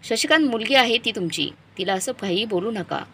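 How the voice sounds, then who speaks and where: A woman's voice: mid-range voice, animated, a little fast, a bit bright, slightly rough. A woman voicing an upset middle-aged wife and mother who pleads with and confronts her husband. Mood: upset pleading.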